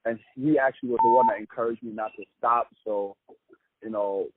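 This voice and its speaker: A man's voice: medium pitch, steady tone, fairly quick, husky, no room sound. Upbeat young man on a phone line. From Ghana. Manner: easygoing, upbeat, chatty with fillers. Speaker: comedian guest. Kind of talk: casual interview. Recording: tinny phone-line sound.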